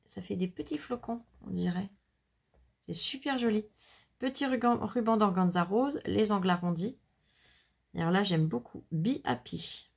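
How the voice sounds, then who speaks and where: A woman's voice: mid-range voice, darkish tone. A woman showing off handmade bookmarks in a casual vlog, admiring each one in detail. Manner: gushing, admiring, describes crafts in detail. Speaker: scrapbooking vlogger. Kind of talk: casual unboxing chat.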